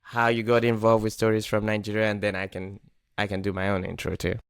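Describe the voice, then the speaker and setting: Man, 30s, low smooth voice, dry sound, easygoing podcast host. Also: completely flat delivery, fast, no room sound. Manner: casual, lots of "like" and restarts. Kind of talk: casual chat.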